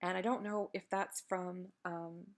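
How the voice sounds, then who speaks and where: A woman's voice: fairly low pitch, steady tone, unhurried. A woman giving a casual, chatty video update while recovering the day after surgery, candid and self-deprecating, wandering into digressions. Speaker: video blogger giving a personal health update.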